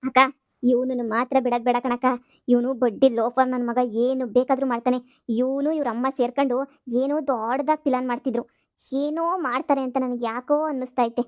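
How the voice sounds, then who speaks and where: A woman playing a furious cartoon wife, pouring out insults in a high voice. The recording sounds dry and slightly dull. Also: fairly even intonation, dry recording, close to an everyday voice. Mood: scheming anger. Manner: rapid cursing tirade. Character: furious scolding village wife, sharp-tongued. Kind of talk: cartoon comedy dubbing.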